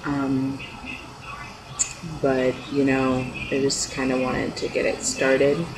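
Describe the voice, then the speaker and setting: A young man from California, USA, talks slowly and in a monotone as he rambles through a hesitant, casual vlog to camera. It's unscripted, recorded on noisy, low-grade amateur webcam-style audio.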